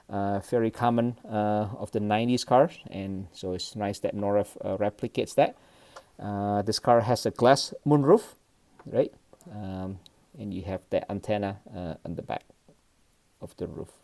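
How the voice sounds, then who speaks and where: This mid-range, mellow voice belongs to a man from Indonesia giving an unscripted, laid-back model car review. He talks haltingly in short fragments, often checking in with a small questioning tag, and there is no echo.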